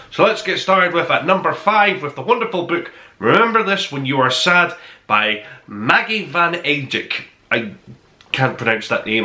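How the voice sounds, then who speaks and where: The host of a review podcast talks enthusiastically and emphatically through a top-five list, addressing listeners conversationally. His a-little-high voice is bright and forceful, echoing around the room.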